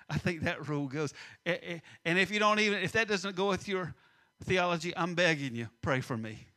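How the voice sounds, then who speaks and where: A middle-aged man preaching a sermon, swinging between loud emphasis and hushed asides. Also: sits high, normal speed. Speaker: pastor.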